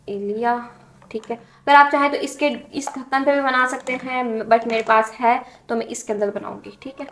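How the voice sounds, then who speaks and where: A woman's voice: a little high, fairly bright tone, slight background noise. A woman with a Pakistani Urdu accent hosting a casual beauty tutorial, giving chatty step-by-step instructions and often repeating phrases. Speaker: makeup tutorial host. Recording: roomy echo.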